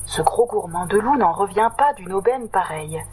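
A woman reading a children's story aloud in a gentle, unhurried way. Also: mid-range voice, expressive, soft background music, rough recording.

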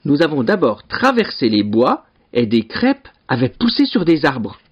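Man doing a high naive peasant lad. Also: wildly swooping pitch, unhurried, slightly rough, heavily acted. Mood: naive eager. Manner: naive and eager, blurts things out. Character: simple-minded chattering young peasant brother. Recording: dull lo-fi recording.

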